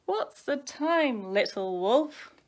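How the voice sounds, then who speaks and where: A woman's voice: mid-range voice, animated, slow pace, vocal fry, fairly bright tone, full character voice. Woman putting on Smelly Breath, drawling whiny baby wolf. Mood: whiny, impatient.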